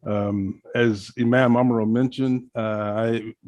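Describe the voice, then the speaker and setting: A man's voice: mid-range voice, level tone, darkish tone, no echo. An American man from Virginia, a guest speaker answering interview questions thoughtfully over a remote call, with frequent fillers. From Richmond, Virginia, US. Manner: thoughtful, deliberate with many fillers.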